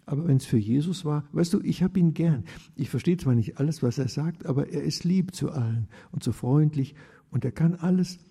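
A man's voice: fairly high pitch, moderate pace, gravelly, warm tone, breathy edge. Baruch, a man doing an eager boy in a reverberant room. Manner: talks in a rush, jumbled. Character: chatty young boy, eager and earnest. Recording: long reverb.

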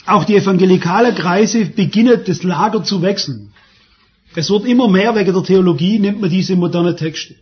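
A man's voice: high-pitched, moderate pace. A man preaching a sermon, emphatic and repeating phrases for stress. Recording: dull lo-fi sermon recording.

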